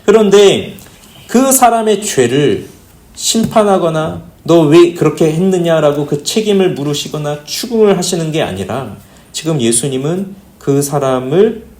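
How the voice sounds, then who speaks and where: A man's voice: big pitch swings, measured pace, darkish tone, roomy sound. A man preaching a Sunday sermon as a pastor, often asking the congregation questions. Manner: questions the congregation often, pitch rising and falling. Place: church sanctuary.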